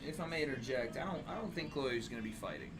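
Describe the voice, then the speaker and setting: A man's voice: mid-range voice, animated, fast talker, very noisy. A man hosting a livestream with casual, slangy, opinionated banter, often repeating his phrases. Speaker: livestream host.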